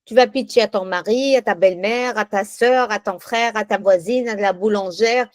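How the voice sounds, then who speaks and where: A woman taking part in a casual group training chat, talking in a lively, encouraging way. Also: mid-range voice, moderate pace, no room sound.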